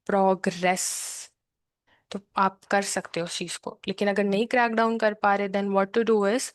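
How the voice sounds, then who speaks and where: A woman's voice: medium pitch, little pitch movement, measured pace, dry recording. A woman tutoring for an exam, explaining patiently and repeating herself, with frequent check-ins. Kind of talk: explanatory lesson, mixing English terms into her talk.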